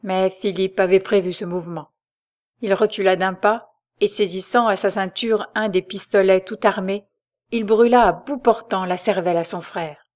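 A woman narrating a dramatic novel as an audiobook, with steady delivery. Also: mid-range voice, moderate pace.

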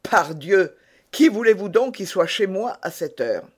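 A man's voice: high voice, animated, a little slow, pitched above the performer's own voice. A man voicing a phlegmatic male musketeer in a story reading. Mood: anxious. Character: calm, dry older male musketeer.

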